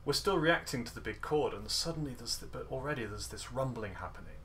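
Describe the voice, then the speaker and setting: A man leads an online guitar lesson over a video call, with a voice of ordinary middle pitch. He is playful and encouraging but nitpicky about detail. He often sings rhythms in nonsense syllables to demonstrate. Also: fast, a bit bright, a little hiss or hum. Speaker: guitar masterclass teacher. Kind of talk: online music lesson coaching.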